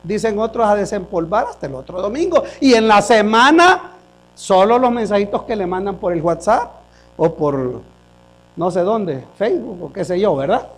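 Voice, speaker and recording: A man's voice: high voice, very animated, moderate pace. A male pastor preaching a sermon at a church service into a microphone, often questioning the congregation and calling them brothers.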